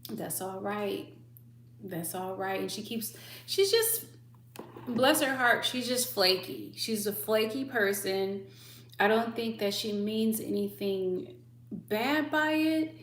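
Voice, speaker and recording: A woman's voice: medium pitch, slow pace. A woman hosting a livestream, chatting casually and telling stories animatedly, acting out voices as she goes. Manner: animated storyteller who acts out voices. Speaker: livestream host. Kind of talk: casual chat. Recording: echoey room with faint hum.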